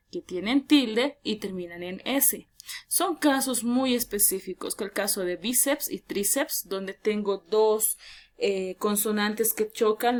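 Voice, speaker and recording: A woman teacher giving a lesson, explaining clearly and drawing out key words slowly for emphasis. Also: on the high side.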